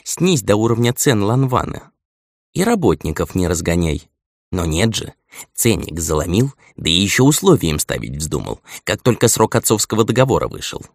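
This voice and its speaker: Male narrator doing a lecturing old steward in an audiobook; lively, swooping delivery, raised a bit above his own low voice. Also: moderate pace, creaky, no echo, studio quality, full character voice. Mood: scolding. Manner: nagging, lecturing elder. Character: old male steward, stern, patient, scolding.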